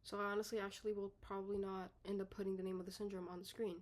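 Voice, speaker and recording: A young woman in her own bedroom, rambling in a casual, unedited video diary. She is out of breath, swears casually, corrects herself often and lets her sentences trail off softly. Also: mid-range voice, little pitch movement, very fast. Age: young adult. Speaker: vlogger.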